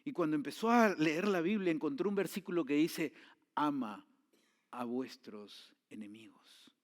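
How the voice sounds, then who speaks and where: Male pastor, somewhat high voice, dramatic sermon storytelling that dips hushed then rises loud. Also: lively intonation, measured pace.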